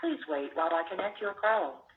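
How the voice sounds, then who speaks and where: A woman's recorded operator announcement playing over a payphone line, measured and formal. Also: medium pitch, big pitch swings. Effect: recorded prompt over a payphone line. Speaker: automated phone operator. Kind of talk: scripted automated announcement. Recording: muffled phone line with faint noise.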